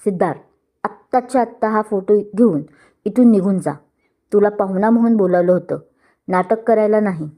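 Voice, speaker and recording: A woman's voice: mid-range voice, moderate pace, dark tone, lightly acted. A woman voicing a jealous, hot-tempered young husband in a storybook reading, speaking in a raised, accusing voice. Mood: angry.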